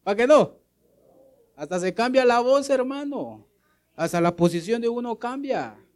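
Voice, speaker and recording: A man's voice: very high voice, animated, measured pace. A man preaching a sermon, asking rhetorical questions and calling his listeners brother. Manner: emphatic preaching with sudden swings in loudness, rhetorical questions; keeps addressing listeners as brother.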